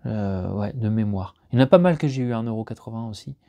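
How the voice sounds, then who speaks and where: A chatty man talks through an unboxing at home, rambling with plenty of fillers and false starts. His voice is mellow and warm, recorded close and dry on a camera mic, and it jumps higher whenever something excites him. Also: quick pace, dry recording. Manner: lively, jumps up in pitch when excited. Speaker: YouTuber unboxing discs. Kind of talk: casual unboxing chat.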